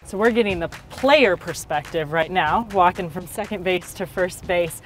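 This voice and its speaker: A woman's voice: on the low side, moderate pace, big-room sound, faint music behind. A woman reporter guiding a walking tour interview in a conversational tone.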